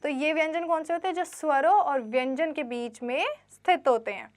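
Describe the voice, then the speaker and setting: A high-voiced female teacher leads a grammar lesson for children, reading from the textbook and then restating each line in simpler words. She recites letters in a drawn-out way and poses quiz questions that she answers herself.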